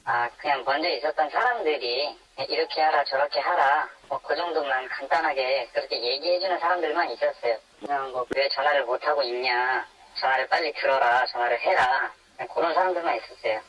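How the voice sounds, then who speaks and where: A man's voice: medium pitch, fairly quick, few pauses, fairly bright tone. A man in his twenties with an electronically disguised voice, recounting his experience as an anonymous interviewee on a phone call. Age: 20s. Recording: dull, narrow phone line on radio.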